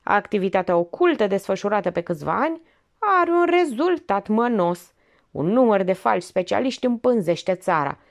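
A woman reading the part of a shrewd, calm female police investigator who explains in a measured way. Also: medium pitch, natural voice. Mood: explaining.

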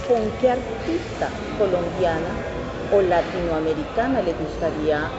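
A woman's voice: lowish voice, lively intonation, measured pace. Woman interviewer, brief formal questions, dull audio, crowd chatter behind.

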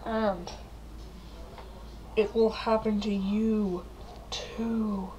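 A woman voicing Steve, a vengeful male turtle who talks in a slow, drawn-out, grudging way. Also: medium pitch, flat delivery, dark tone, a little hiss or hum, rough recording. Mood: smug.

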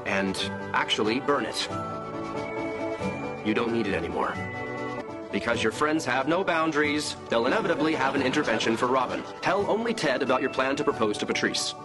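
A man's voice: mid-range voice, animated, brisk, over loud music, lightly acted. An actor playing a smug man in his thirties who lays out a scheme step by step in a showy, confident way. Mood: scheming. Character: smug adult man, a cocky schemer laying out seduction plays. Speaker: sitcom character. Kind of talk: scripted sitcom acting.

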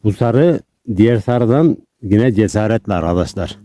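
Brief: male vlogger, low mellow voice, coaxing street dogs on camera outdoors, faint noise. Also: normal speed. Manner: coaxing and calming dogs, then chatting to viewers. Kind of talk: casual vlog commentary to viewers.

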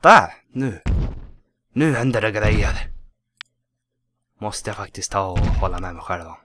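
A man's voice: lowish voice, noisy background. A man with a Swedish accent giving casual let's play commentary, chatting to himself and swearing at small mishaps. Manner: chatty, self-talking, swears at mishaps, bursts into excited shouts.

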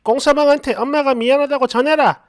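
A woman's voice: high-pitched, fast talker, a little mellow, natural voice. A woman doing a fussing, insistent older mother. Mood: coaxing.

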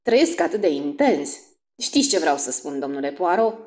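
Woman doing shrill, gushing, self-absorbed wife; swoops a lot, audiobook. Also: big pitch swings, darkish tone. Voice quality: strident, shrill. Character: fussy, self-absorbed middle-aged wife.

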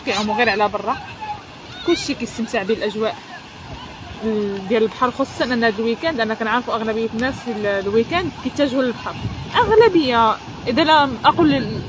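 An energetic, chatty woman with a Moroccan Arabic accent gives unscripted live commentary as a field reporter, often repeating herself. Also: a little high. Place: outdoors at a seaside beach. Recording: noisy outdoor beach with crowd sounds.

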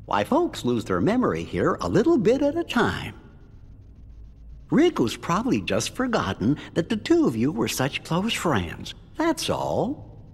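Brief: game cutscene, a gentle cricket conscience, husky and hugely animated. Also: male voice, fairly high pitch, measured pace, big-room sound, full character voice. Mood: reassuring. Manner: gentle, reassuring, folksy. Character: kindly little male cricket conscience. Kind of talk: video game cutscene dialogue.

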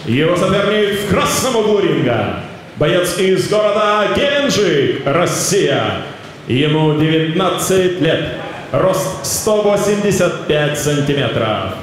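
A young man in full boxing ring announcer style, swinging his pitch widely and stretching out names with slow ceremony. His voice booms with heavy echo through a big indoor hall. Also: big pitch swings. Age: young adult. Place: large indoor boxing venue with audience. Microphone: handheld microphone. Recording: echoey PA in noisy boxing hall.

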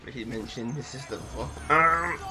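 A man's voice: medium pitch, moderate pace, pushed and bright. A man casually commentating on a video game in a joking, chatty way. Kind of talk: casual let's-play commentary.

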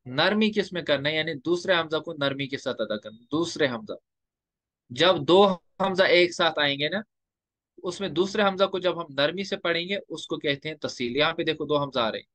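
A man teaching Quran recitation rules in a lecture, explaining step by step and slowing down to recite example verses. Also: fairly high pitch, expressive, fairly bright tone, no room sound.

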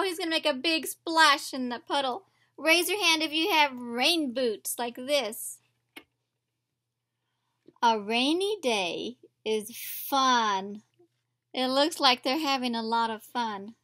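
A woman primary teacher reads a picture book aloud at an indoor table, her high, bright voice moving unhurriedly. She instructs young children and speaks straight to them, asking them questions during this storybook lesson.

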